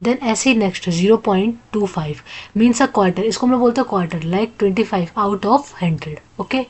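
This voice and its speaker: A woman with an Indian accent teaches a maths class in a mid-range voice. She reads English lines slowly and then explains fast in Hindi. She often asks a question and answers it herself. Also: mid-range voice, darkish tone, breathy edge.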